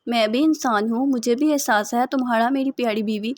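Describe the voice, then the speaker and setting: A woman's voice: a little high, a little mellow, dry recording, clean studio sound, close to an everyday voice. A woman voicing a cruel young husband who mocks and taunts his crying wife. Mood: taunting. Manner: taunting, coldly teasing.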